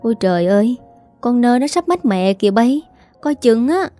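A woman's voice: a little high, animated, moderate pace, mellow, faint music behind, natural voice. A woman voicing a cruel young village boy who jeers and taunts, in a storybook reading. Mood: mocking. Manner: jeering, taunting.

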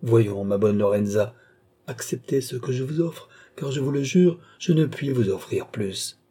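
A man's voice: mid-range voice, measured pace, slightly rough. A man playing a sorrowful, insistent captor. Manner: calm, sorrowful, persuasive.

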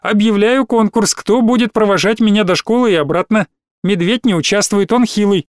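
A man's voice: high voice, moderate pace, no room sound, studio quality, pitched above the performer's own voice, lightly acted. A man reading a storybook who voices a bossy teenage schoolgirl, commanding and teasing.

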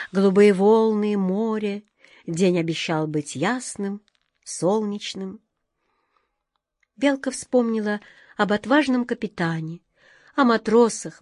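A woman narrating a children's storybook aloud in an expressive, dramatic way. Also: mid-range voice, no echo, clean studio sound. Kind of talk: storybook reading.

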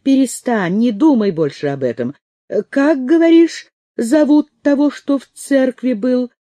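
A woman voicing a bewildered young lady who asks careful, measured questions. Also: sits high, lively intonation, mellow, no room sound, pitched above the performer's own voice. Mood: probing.

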